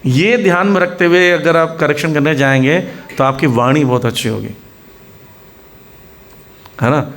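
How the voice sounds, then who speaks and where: A man's voice: a little high, measured pace, pauses often, a bit bright. An Indian man giving a Hindi sermon at a temple preaching centre, mixing in English words and acting out scolding examples.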